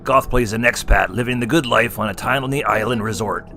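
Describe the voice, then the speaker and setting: An actor plays a wisecracking male clown co-hosting a scripted horror review, trading punny, teasing comedic banter. His voice is medium-pitched, brisk and sharp.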